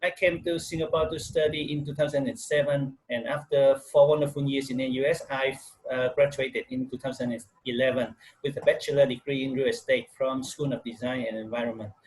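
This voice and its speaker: A man's voice: mid-range voice, fairly even intonation, fairly quick, few pauses, a little mellow, rough recording. Earnest man from Vietnam with hesitant delivery. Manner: earnest, hesitant with many uhs. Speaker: guest. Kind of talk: casual interview answers. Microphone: video call mic.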